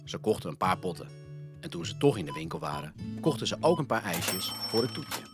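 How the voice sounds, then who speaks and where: A man narrating a children's storybook in an expressive manner. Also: sits low, fairly quick, music in the background. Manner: animated, expressive.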